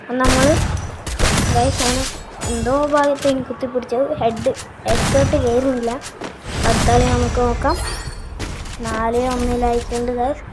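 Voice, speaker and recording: High-voiced woman, Malayalam-English mix gaming commentary. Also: flat delivery, normal speed, pauses often. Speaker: gaming video host. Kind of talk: casual gameplay commentary. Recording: noisy game audio with gunfire. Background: video game gunfire and ambience.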